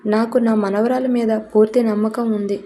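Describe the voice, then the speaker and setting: A woman reads an old grandmother in an audio storybook, calm and trusting. She speaks in an assured way. The voice is mellow, with a narrow pitch. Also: normal speed, a little hiss or hum, close to an everyday voice.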